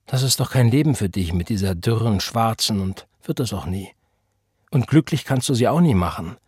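A man's voice: on the low side, expressive, moderate pace, darkish tone, slightly rough, no echo, studio quality. A man reading the part of a bitter, defiant young pregnant woman who speaks in a cold, taunting, accusing way.

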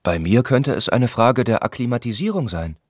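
A man's voice: sits low, animated, unhurried, slightly rough, dry recording, studio quality, full character voice. A man doing a hesitant, distracted man. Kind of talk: audiobook character voice.

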